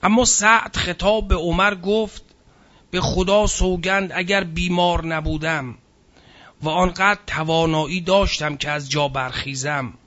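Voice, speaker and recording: A man's voice: high-pitched, steady tone, sharp tone, muffled recording. A man giving a religious history lecture, reading passages aloud and adding casual spoken asides. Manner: reads from a book, then comments in casual speech.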